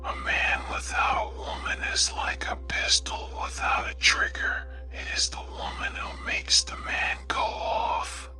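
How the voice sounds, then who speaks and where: Hushed, slow ASMR whisper from a man. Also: faint music behind. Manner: slow, deliberate delivery of short sayings. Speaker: narrator reading quotations.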